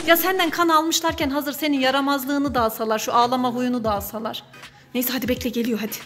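Woman, high voice, rapid talk, bossy and teasing, family vlog skit, echoey hall, faint music. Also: fairly even intonation, fairly bright tone, some chatter behind. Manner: bossy, teasing, coaxing a child. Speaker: vlog host playing a mother.

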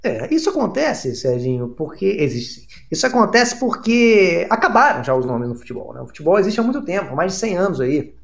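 A man hosting a comic sports chat, correcting his co-host in a deadpan, mock-formal way. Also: high voice, brisk, vocal fry, hardly any pauses. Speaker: comedy show host.

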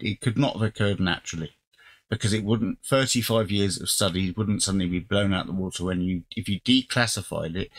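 Male host, lowish voice, unscripted opinion monologue with frequent restarts. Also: fairly bright tone.

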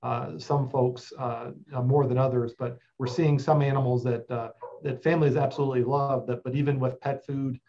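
A man's voice: medium pitch, fairly even intonation, normal speed, gravelly, dark tone, dull audio. A man in his forties explaining shelter services steadily over a video call, with many filler sounds. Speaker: animal shelter representative. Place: office with plain wall.

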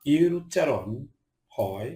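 A man teaching English pronunciation in Bengali in a recorded online lesson, saying each example word slowly and repeating it. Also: mid-range voice, lively intonation, dark tone, echoey room, low-quality recording. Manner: slow, deliberate, repeats each word twice.

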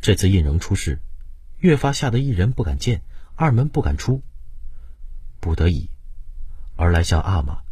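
Deep, husky middle-aged male narrator. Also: moderate pace, pauses often, no echo, clean studio sound. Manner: expressive storytelling with sweeping pitch. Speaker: audiobook narrator. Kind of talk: dramatic audiobook narration of a historical novel.

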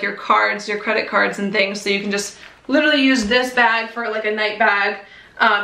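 Bright young woman in an echoey empty room. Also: fairly high pitch. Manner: chatty, lots of "like" and "um". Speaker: fashion vlogger. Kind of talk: casual haul chat. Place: half-empty room under renovation. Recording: echoey bare room, voice far from mic.

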